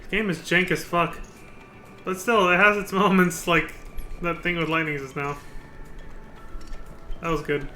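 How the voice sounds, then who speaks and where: Casual gaming host, wry and sweary, bright forceful voice, faint game music behind. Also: medium pitch, level tone, unhurried, long pauses. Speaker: let's play host.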